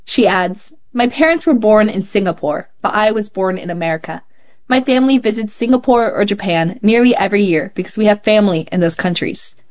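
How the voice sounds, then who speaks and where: A woman hosts a show, reading young writers' poems and essays aloud in a calm, measured narration. Her voice is mid-range, and the recording sounds slightly muffled and dull.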